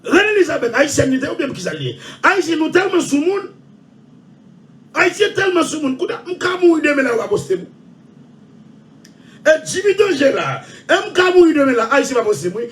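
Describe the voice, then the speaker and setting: A man hosting an online show, ranting loudly and repeating himself. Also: very high voice, very animated, normal speed, far from the mic. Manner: shouting, loud and repetitive. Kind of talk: impassioned rant.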